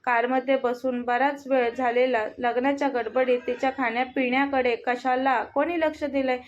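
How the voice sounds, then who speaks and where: A woman narrating a scripted story in a steady, plain reading voice. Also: high-pitched, moderate pace, a little hiss or hum. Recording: dull lo-fi audio.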